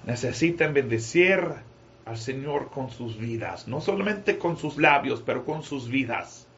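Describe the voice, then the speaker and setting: A man preaching a sermon to a congregation, rising to shouted climaxes. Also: mid-range voice, animated, measured pace, muffled recording, slight background noise. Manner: rises to shouting climaxes, addresses congregation as brothers.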